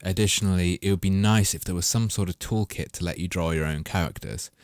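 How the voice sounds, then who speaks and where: A man's voice: sits low, quick pace, no room sound, clean studio sound. A man chatting casually and wryly over his gameplay footage, rambling and swearing as he goes. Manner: rambling, wry and profane. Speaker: gaming commentator.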